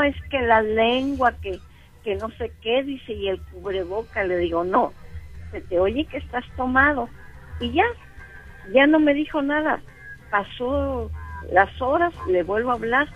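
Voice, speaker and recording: A woman's voice: on the high side, husky, lo-fi sound. A woman calling in to a radio show, telling her story emphatically and acting out the quotes. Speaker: caller.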